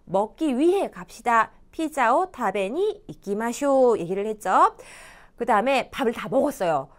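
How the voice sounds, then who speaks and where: A woman teaching a Japanese lesson, explaining grammar patiently and reading example dialogues slowly and clearly. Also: on the high side, expressive. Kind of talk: video lecture explaining grammar.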